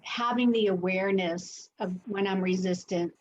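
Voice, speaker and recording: A woman's voice: medium pitch, moderate pace, lo-fi sound, background noise. A woman with a Boston accent hosting an online coaching talk, reflective and searching for her words. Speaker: host and coach. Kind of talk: online lunch-and-learn talk.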